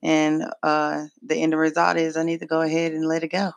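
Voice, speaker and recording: A woman with an American accent and a raspy, deep, soulful voice, talking in a sultry, unhurried way as a guest in a casual podcast interview. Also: monotone, dry recording. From Michigan, United States. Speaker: podcast guest, neo soul R&B singer.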